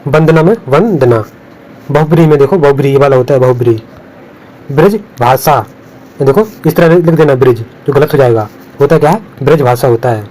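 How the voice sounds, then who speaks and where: Over notes shown on screen, this male tutor drills Hindi spellings for exams, repeating words and pointing out the traps that cost marks. He talks fairly quickly in a mellow, mid-range voice, and the audio is poor.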